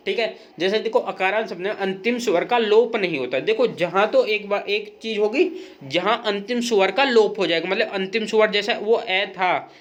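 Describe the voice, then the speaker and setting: A man's voice: sits high, fairly bright tone. A man teaching grammar in a recorded lesson, patient and repetitive, often checking in with the viewer and pointing things out step by step.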